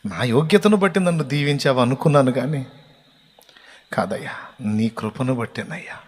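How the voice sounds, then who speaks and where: A preacher voicing a humbled man who prays quietly for forgiveness. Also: mid-range voice, normal speed, slightly rough, lightly acted. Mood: repentant. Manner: soft, hushed, repentant prayer. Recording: long hall reverb.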